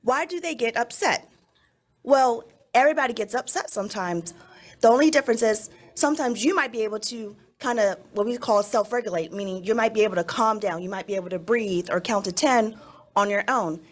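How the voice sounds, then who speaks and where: A woman's voice: fairly high pitch, brisk. A woman teacher explaining things to young children in simple, instructive phrases during a school announcement.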